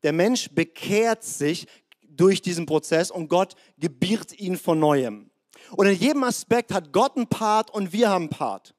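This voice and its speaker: A high-voiced man preaching in a loose, conversational way, dropping into little voices for the people in his stories. His voice sounds slightly strained today, and he keeps the congregation close with quick asides. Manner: lively, conversational, acts out biblical voices. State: strained voice this morning. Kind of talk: sermon.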